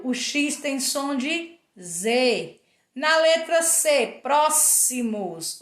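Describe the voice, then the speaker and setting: Slow, echoey woman teacher. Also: a little high, fairly bright tone. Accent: Brazilian Portuguese. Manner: slow, spelling out letters and sounds one word at a time. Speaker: Portuguese teacher. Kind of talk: recorded class review. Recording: echoey room.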